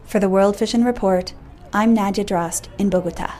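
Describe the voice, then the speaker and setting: Female radio reporter, steady scripted narration, mellow tone. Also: mid-range voice, moderate pace.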